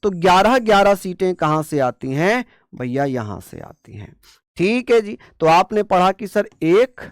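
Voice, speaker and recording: A man's voice: high-pitched, expressive, unhurried, clean tone, dry recording. A man teaching an exam-prep class, who asks questions and answers them himself in a repetitive call-and-response way, with playful mnemonics and scolding asides. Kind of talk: online coaching class lesson.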